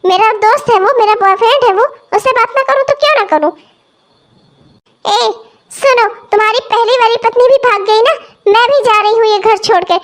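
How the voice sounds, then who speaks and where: A woman's voice: very high voice, moderate pace. A woman voicing a harsh, quarrelsome young stepmother in a cartoon who scolds everyone. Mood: defiant. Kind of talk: cartoon voice acting.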